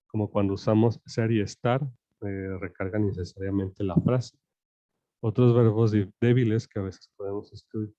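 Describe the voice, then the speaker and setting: Low, mellow-voiced man teaching from slides. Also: no room sound. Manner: explains slides with fillers and "¿no?" checks. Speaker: language teacher. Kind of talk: recorded slide lecture. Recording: dull, dry lo-fi.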